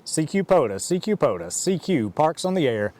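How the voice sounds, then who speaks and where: A man's voice: a little high, normal speed. Man making a repetitive ham radio call. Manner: steady, repetitive radio procedure cadence. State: making a ham radio call, repeating call sign in phonetic alphabet. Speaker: amateur radio operator. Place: outdoors in a park.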